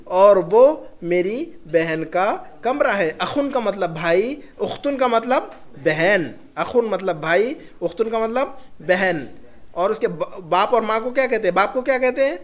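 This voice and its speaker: A man with an Urdu accent leads a language class, his voice pitched high and his delivery slow. He repeats each phrase patiently and checks that his students follow. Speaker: Arabic teacher. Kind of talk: classroom lesson.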